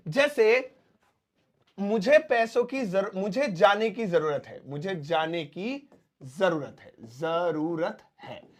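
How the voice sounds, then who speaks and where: A man teaching spoken English who explains patiently, calls his viewers friends and repeats each example sentence slowly, word by word. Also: high-pitched.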